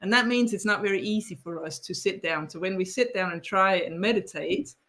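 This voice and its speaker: Fairly quick and fairly bright, her medium-pitched voice carries a Danish accent as this woman in her forties, a guest author, explains her ideas on a podcast. She's thoughtful but often restarts and repeats words.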